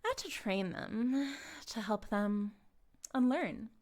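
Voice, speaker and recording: A woman with a higher, slightly mellow voice plays a female cult leader holding the listener captive, sweetly menacing and self-righteous. In an intimate audio roleplay monologue, she is smug and coaxing, theatrical and condescending, cooing expressively at a very unhurried pace and drifting into breathy whispers.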